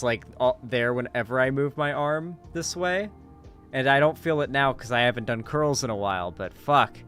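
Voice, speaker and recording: A man's voice: mid-range voice, fairly bright tone. A man hosting a livestream, chatting and reacting in a casual, rambling, profane way. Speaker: livestream host.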